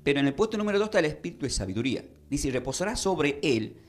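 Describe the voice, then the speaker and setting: A man's voice: fairly high pitch, very animated, racing. A man preaching a Bible-study sermon, explaining verses and having his listeners repeat his phrases. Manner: teaching, asking the congregation to repeat phrases. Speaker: pastor.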